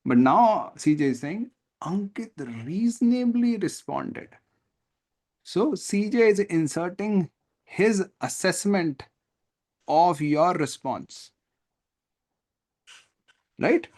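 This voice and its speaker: Slowly and with long pauses, a man with a high voice and an Indian English accent tutors test prep online over a video call. He remains lively and questioning, often stopping to check whether students understand.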